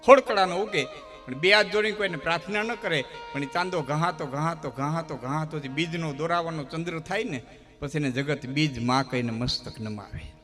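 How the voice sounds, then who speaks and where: A man holds a live folk storytelling stage. His voice sits high and rings bright and forceful, and he repeats phrases in a rhythmic build that swells into loud declamation. Faint instrumental music plays underneath. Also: brisk.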